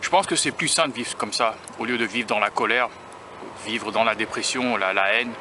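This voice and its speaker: A man with a voice on the low side talks at normal speed. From the United States, he vlogs casually while eating by a beach near rail tracks, a self-conscious food taster who muses and keeps restarting sentences, filming himself with a handheld camera or phone as outdoor traffic and vehicle noise carry on.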